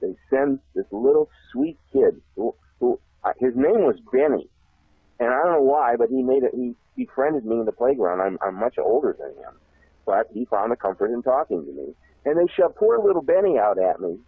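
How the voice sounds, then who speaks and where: A man telling a long childhood story on a talk show, animated and laughing often. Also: mid-range voice, normal speed, gravelly, breathy edge, no room sound. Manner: animated, laughs often, acts out shouted voices. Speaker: guest telling a life story. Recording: tinny phone line.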